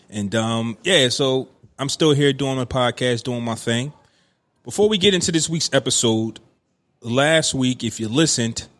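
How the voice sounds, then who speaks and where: A man's voice: medium pitch, fairly bright tone. A man in his thirties hosts a podcast in a middle-register voice. He talks casually and playfully, with plenty of slang and hyped-up greetings. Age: 30s. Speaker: podcast host. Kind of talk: casual chat.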